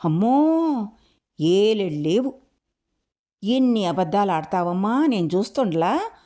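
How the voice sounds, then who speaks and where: A woman doing a loud quarrelsome village woman. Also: medium pitch, sing-song, slow pace. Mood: loud complaining. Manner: wailing, complaining loudly.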